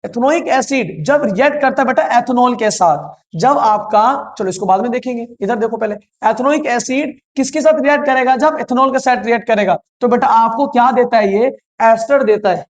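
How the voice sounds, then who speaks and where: A male teacher giving an online science lesson, repeating questions and answers in a coaxing, reassuring way. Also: very high voice. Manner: repetitive quizzing, calls students "beta". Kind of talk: online class lecture.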